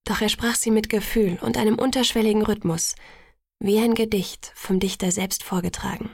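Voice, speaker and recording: A woman narrating an audiobook in a soft, even reading voice. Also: medium pitch, moderate pace, no room sound, clean studio sound.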